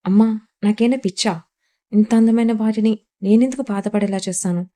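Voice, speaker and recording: A woman's voice: medium pitch, fairly quick, warm tone, lightly acted. A woman voicing a cruel young husband in an audio story, speaking in a mocking tone through gritted teeth. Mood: fake sweet.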